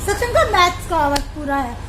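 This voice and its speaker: High-voiced chatty woman vlogging at home. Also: lively intonation, fairly quick, noisy background. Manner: chatty, often asks viewers for agreement. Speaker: family vlogger. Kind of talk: casual home vlog chat.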